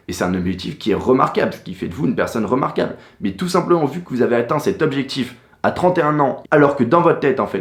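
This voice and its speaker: A man's voice: fairly low pitch, echoey room. A man who runs an agency, giving casual business advice straight to camera, loose and repetitive, with plenty of fillers. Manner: loose and repetitive, many fillers like "du coup" and "en fait". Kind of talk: casual talking-head advice vlog.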